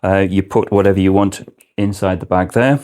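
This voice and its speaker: A man's voice: deep voice, fairly even intonation, normal speed, a little mellow. A man giving an informal product explanation as a presenter, speaking indoors in a shop.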